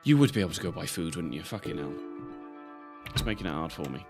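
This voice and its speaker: A young man chatting through a live stream of a game in a low voice. He is casual, self-mocking and swears now and then. Soft game music sits under his talk. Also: expressive, fast talker.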